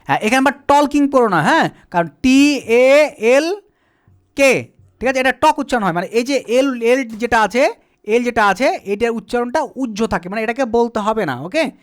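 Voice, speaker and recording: A man's voice: very high voice, expressive. Patient male teacher quizzing himself. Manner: asks and answers his own questions; slowly spells out words letter by letter. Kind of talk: spoken English grammar lesson.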